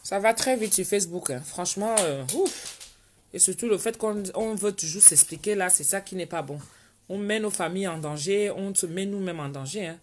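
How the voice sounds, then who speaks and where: A woman's voice: mid-range voice, moderate pace, darkish tone, a little hiss or hum. A woman hosting a casual live stream from home, chatting and reading out viewers' names and comments. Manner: chatty, reads viewer names aloud and answers them.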